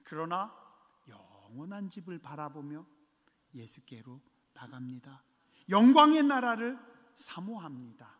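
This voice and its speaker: A male pastor preaching a sermon in an animated way, acting out complaining believers with humor. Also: sits high, unhurried, big-room sound. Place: church sanctuary.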